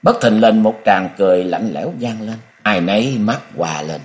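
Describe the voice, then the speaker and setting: A man narrating a martial arts novel as an audiobook, telling the story in an expressive way. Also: lowish voice, normal speed.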